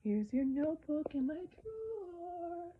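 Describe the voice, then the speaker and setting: A woman voicing a spooky talking side table in a slow, drawn-out ghostly voice. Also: very high-pitched, big pitch swings, slight background noise, voice pushed up, exaggerated voice. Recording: narrow phone-like sound.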